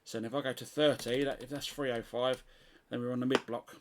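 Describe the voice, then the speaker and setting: A middle-aged British CB radio hobbyist gives an informal, hands-on demonstration in a steady, mid-range voice at a brisk pace. Unscripted, he works things out aloud as he tests, with noticeable noise and small clicks behind him.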